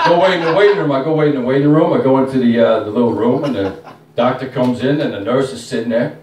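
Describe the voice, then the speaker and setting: Crude stand-up comic in a roomy bar. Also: male voice, mid-range voice, fast talker, darkish tone, slight background noise. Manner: crude, swearing storyteller. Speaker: stand-up comedian. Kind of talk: stand-up set. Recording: roomy live room from a distance.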